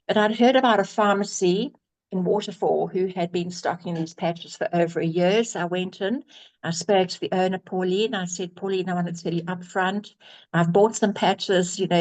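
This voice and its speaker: Casting: woman, 70s, earnest testimony on a video call, slightly low voice. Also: darkish tone, poor audio. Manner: earnest and emphatic, with repeated restarts. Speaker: guest sharing a testimonial. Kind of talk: personal testimony on a group call.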